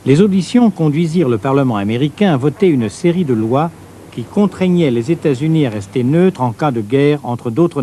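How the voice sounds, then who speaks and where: A man reading scripted historical documentary narration in a sober, measured way. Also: medium pitch, dark tone.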